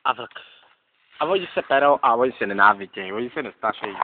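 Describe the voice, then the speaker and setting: A man's voice: medium pitch, animated, dry recording. A man, rambling in slangy street talk and tossing in "more", being interviewed outdoors at night on a handheld camera. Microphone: handheld camera mic. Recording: lo-fi noisy handheld camera audio.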